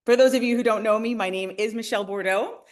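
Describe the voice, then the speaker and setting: A woman's voice: fairly high pitch, quick pace. A woman in her forties from Canada, a realtor hosting a webinar, who talks in a friendly, enthusiastic way and speaks straight to her viewers. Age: 40s. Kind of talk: upbeat webinar presentation.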